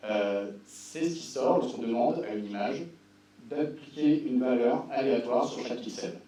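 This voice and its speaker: Man, very echoey room, slightly off-mic, mellow tone, informal tech presentation, wry casual delivery. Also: medium pitch, moderate pace. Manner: casual, wry, dry-humoured asides. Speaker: conference speaker. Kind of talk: informal technical presentation with slides. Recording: roomy echo, distant mic, faint hum.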